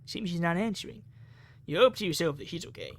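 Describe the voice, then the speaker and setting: For a gaming video, a man reads a visual novel aloud dramatically and theatrically, acting out the dialogue. His voice is a little high and fast.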